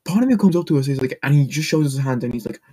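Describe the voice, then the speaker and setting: A man's voice: medium pitch, expressive, very fast, dark tone, husky. A man chatting casually on a podcast, telling a story and easily amused. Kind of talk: casual chat.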